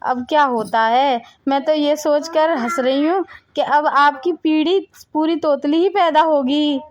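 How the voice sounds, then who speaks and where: A woman's voice: sits high, unhurried, dull audio, slight background noise. A woman voicing a nosy, mocking neighbor woman in a cartoon story. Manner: mocking, gossipy.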